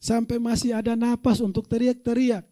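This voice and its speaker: Guy preaching a sermon, real high voice but dark mellow tone, gets loud and laughs a lot. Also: fairly quick. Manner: animated preaching, rising to loud shouts, with frequent laughter. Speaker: pastor.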